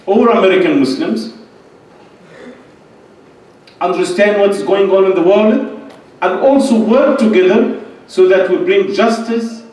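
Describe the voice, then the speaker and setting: Giving an emphatic, impassioned speech on religion and politics, a middle-aged conference speaker repeats short phrases from a podium in a large indoor lecture hall. He speaks high and darkish, at a measured pace with long pauses, recorded by a distant microphone in an echoey hall.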